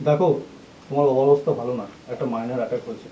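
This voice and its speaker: An actor playing a family doctor who firmly tells the family to calm down and gives instructions. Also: male voice, medium pitch, very fast, highs cut off, slight background noise, lightly acted. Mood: calm advice. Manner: keeps ordering others to calm down. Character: brisk male family doctor, firm and calming. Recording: roomy, distant home recording.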